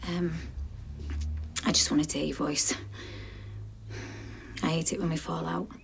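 A woman leaving a hesitant, pleading voicemail message, heard over a phone line with fillers and pauses. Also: low-pitched, little pitch movement, vocal fry, a little hiss or hum, heavily acted. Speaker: caller.

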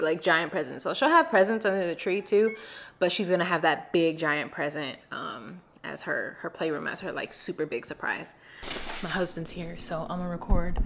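A young woman chatting casually to her viewers in a home vlog, expressive and talkative. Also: lowish voice. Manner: chatty and expressive, talks straight to viewers as "y'all". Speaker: vlogger. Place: at home, indoors.

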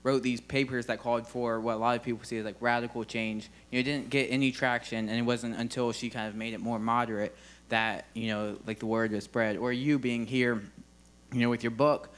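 A young man speaks with a sore jaw that slightly mumbles his words, yet the tone stays smooth and resonant. He phrases things casually, like a student putting a question to a guest on stage. He holds a handheld microphone. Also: mid-range voice, little pitch movement, brisk, fairly bright tone. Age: young adult. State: mumbled speech from a sore jaw after wisdom teeth removal. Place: on stage in a wood-panelled hall with an audience.

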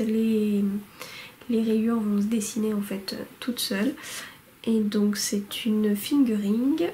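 A woman with a medium-pitched, darkish voice presents the yarns she recently bought, speaking in a chatty, hesitant way full of fillers and false starts. She is a knitting vlogger filming a casual show-and-tell at home beside a window. The audio is low quality, with a little hiss or hum.

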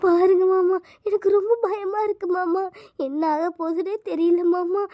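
A woman's voice: very high voice, flat delivery, normal speed, no echo, lo-fi sound. A woman doing a frightened pregnant young wife. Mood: pleading. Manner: pleading, tearful.

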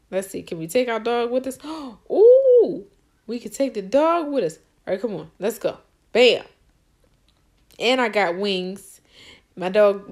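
A young woman who runs a gaming channel commentates her own play with excitement, her fairly high, darkish voice full of squeals and gasps as she coaxes the game along with cheers.

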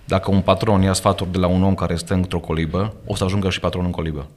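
This Romanian-accented pastor's deep, darkish voice stays level as he talks as a guest on a studio podcast. He preaches earnestly and with emphasis, citing scripture throughout the conversation.

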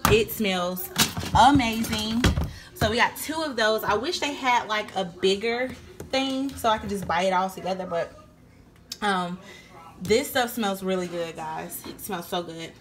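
A woman's voice: medium pitch, measured pace. A young woman, chatting casually to viewers in her kitchen while showing off her groceries. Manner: chatty, addresses viewers as y'all and guys. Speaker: vlogger. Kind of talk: casual grocery haul vlog. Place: home kitchen, indoors.

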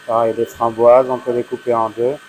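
Chef in a hotel kitchen. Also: male voice, medium pitch, flat delivery, moderate pace, slight background noise. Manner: plain, step-by-step explaining while working. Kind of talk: cooking demonstration. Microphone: lapel mic.

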